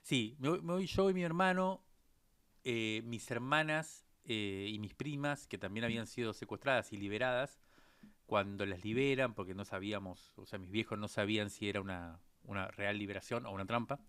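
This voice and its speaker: Speaking as an interview guest, this Argentine man in his fifties recounts his life thoughtfully, often pausing with hesitant fillers, in an Argentine Spanish accent. His lowish voice moves at a moderate pace, with a fairly bright, clean tone captured in a dry recording.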